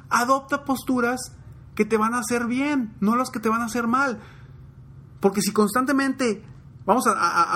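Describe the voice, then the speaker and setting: A man's voice: a little high, a bit bright, a little hiss or hum. A man with a Mexican accent giving a conversational motivational talk, telling personal anecdotes and speaking straight to the listener.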